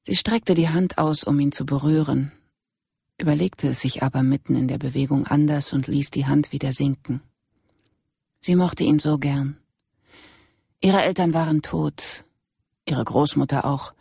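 A steady, measured audiobook narration at a middle pitch. The voice is gravelly and somewhat husky. It is recorded close and dry, with no room sound. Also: dry recording. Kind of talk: scripted narration of a crime novel.

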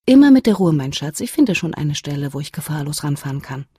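A narrator voicing a reassuring, upbeat mother in an audiobook, speaking in a soothing, cheerful manner with a raised pitch. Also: big pitch swings, fast, warm tone, slightly rough, no echo, clean studio sound. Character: anxious but upbeat mother, adult woman. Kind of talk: audiobook character voice.

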